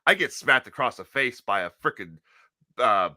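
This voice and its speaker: A male podcast host telling a rowdy story in an animated way, laughing often and swearing freely. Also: medium pitch, normal speed, dry recording, studio quality.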